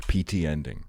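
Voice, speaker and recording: A man's voice: sits low, vocal fry, dark tone, breathy edge. A laid-back young man streaming, reacting casually with a slangy drawl.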